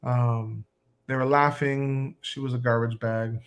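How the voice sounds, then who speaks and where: A man's voice: medium pitch, measured pace. A man hosting a casual live stream, chatting with a woman and reading out viewer comments. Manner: relaxed, reads out viewer comments. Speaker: vlog host.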